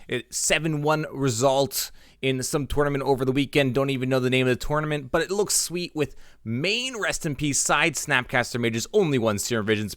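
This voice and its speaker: Animated male streamer on a dry headset mic. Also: mid-range voice, no echo. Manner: chatty, reacts aloud while playing, talks to chat. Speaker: livestreamer and card game player. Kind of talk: live gameplay commentary.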